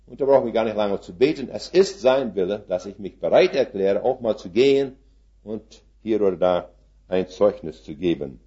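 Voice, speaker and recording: Older man preaching with lively pitch. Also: normal speed, dull audio. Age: 70s. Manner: folksy, rhetorical questions to the congregation; drops English words into his German. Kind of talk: sermon with illustrative stories.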